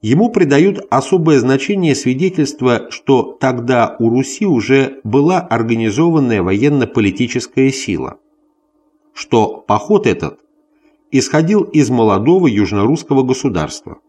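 Man reading scholarly history, pitch swinging widely. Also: big pitch swings, a little mellow, breathy edge. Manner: deliberate, announces notes and quotations aloud. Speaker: audiobook reader of a history text. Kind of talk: scripted narration of a scholarly text.

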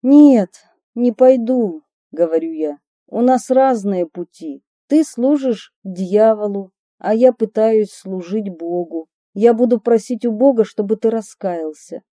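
A woman's voice: medium pitch, slow, warm tone, no echo, studio quality. A woman reading her memoir aloud, telling the story expressively with a light ironic touch. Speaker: narrator of her own memoir.

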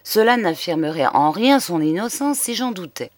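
A woman reading the part of an excitable old man, an amateur detective who mutters and broods to himself. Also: fairly low pitch, moderate pace, dry recording, natural voice. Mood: brooding. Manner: agitated, musing to himself.

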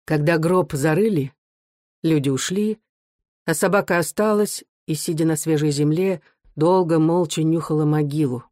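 A narrator reading a classic novel in a steady, even storytelling manner. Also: mid-range voice, moderate pace, dry recording, clean studio sound. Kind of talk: audiobook narration.

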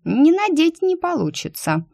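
A woman's voice: sits high, sing-song, unhurried, creaky, warm tone, no echo, clean studio sound, voice pushed up, full character voice. A woman doing a brash, cheeky squirrel girl. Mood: sly, bickering. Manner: brash, bickering, melodramatic. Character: cheeky theatrical female talking squirrel. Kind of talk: audiobook character voice.

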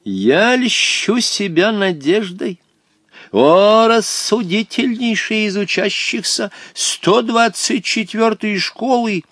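A ceremonious old genie with a flowery, unhurried way of speaking, as a man puts him on. His voice rises high and swings widely through each grand phrase, and the sound is close and dry. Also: animated, fairly bright tone, no room sound, heavily acted. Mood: solemn. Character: Hottabych, ancient courtly male genie.

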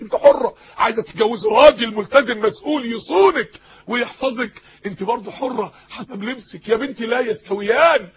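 Man, Egyptian accent, sermon, fast impassioned pleading, repeats words, muffled recording. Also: very high-pitched. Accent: Egyptian Arabic. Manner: impassioned, pleading, addressing young women directly. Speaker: preacher.

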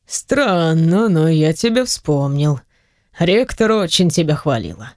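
A reader voicing a stern, quick-tempered wealthy father who speaks slowly and low. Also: expressive, no echo, studio quality. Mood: measured. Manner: slow, low, weighty delivery.

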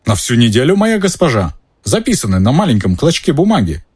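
A man's voice: mid-range voice, huge pitch swings, brisk, slightly rough, no echo, pitched above the performer's own voice. A man voicing a proud, gallant old knight in a painting, speaking in a courtly, pompous way.

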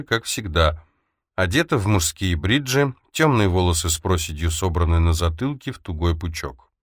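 Male audiobook narrator, very low voice, measured, dry close mic. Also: no echo. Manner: measured, even storytelling. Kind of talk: scripted narration.

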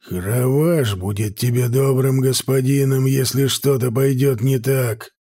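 A man voicing a stern male warrior who gives orders in a slow, menacing drawl. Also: medium pitch, warm tone, husky. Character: stern male warrior overseer, cold, commanding.

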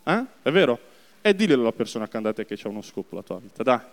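A man's voice: mid-range voice, very fast. A man preaching a sermon to a congregation, speaking directly to them and asking them to respond. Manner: lively, addresses the congregation directly. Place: church hall. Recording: long reverb of a church hall.

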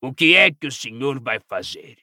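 A gravelly, tense old bully snarls and sneers through each slow, drawn-out line, as a male audiobook reader puts him on. His voice sounds sharp and strained, close and dry in a small booth. This is storybook villainy, spat out with contempt. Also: medium pitch, sing-song, dry recording, exaggerated voice. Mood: contemptuous. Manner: snarling, mocking, slow and menacing. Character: coarse, hostile old pure-blood father.

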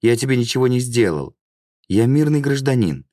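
A man's voice: deep voice, moderate pace, darkish tone, no room sound, studio quality, voice pushed up, close to an everyday voice. A man voicing a cowardly male demon swindler who whines and pleads. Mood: pleading. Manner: whiny, pleading.

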